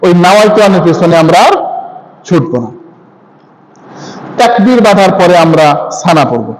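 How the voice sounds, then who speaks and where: A man teaching how to say a prayer, explaining point by point and slowly chanting the prayer words for listeners to repeat. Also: high-pitched, very animated, poor audio. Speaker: religious teacher. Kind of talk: prayer recitation lesson.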